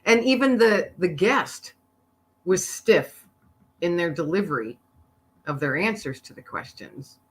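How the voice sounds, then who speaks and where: A middle-aged woman who podcasts and writes books appears as a guest in a casual interview, telling stories with lots of energy and frequent laughter. Her voice is lowish and a little breathy, and she takes her time, pausing often.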